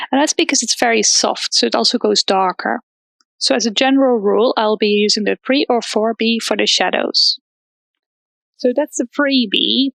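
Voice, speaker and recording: Woman art teacher from the Netherlands; slightly high, gravelly voice; dry close sound; practical step-by-step lesson. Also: no room sound. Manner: practical, explains step by step with fillers. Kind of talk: drawing lesson demonstration. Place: hairdresser's salon used as temporary studio.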